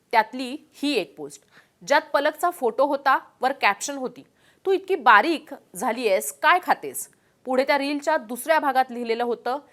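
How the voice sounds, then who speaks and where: A woman reading a scripted news story in a grave, measured way, with a Marathi accent. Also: a little high, fairly bright tone. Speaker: news narrator.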